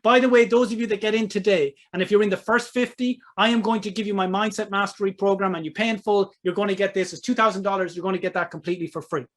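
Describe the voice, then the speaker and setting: A man with a notably high voice hosts a live webinar as a business coach. He pitches with eager, salesy energy. He keeps tagging his sentences with quick "right?" and "okay?" check-ins. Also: steady tone, fairly bright tone.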